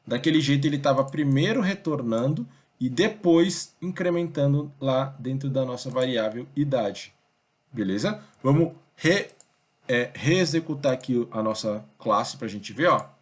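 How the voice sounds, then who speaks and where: A man's voice: mid-range voice, animated, measured pace. Man teaching code casually. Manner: conversational, thinks aloud, many fillers like "beleza?" and "ó". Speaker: programming teacher. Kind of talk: casual screen-recorded coding lesson.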